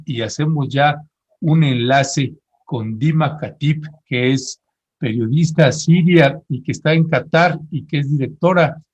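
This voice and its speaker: A man hosting a live interview broadcast, talking in a relaxed, conversational way with small restarts. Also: medium pitch, dull audio. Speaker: host.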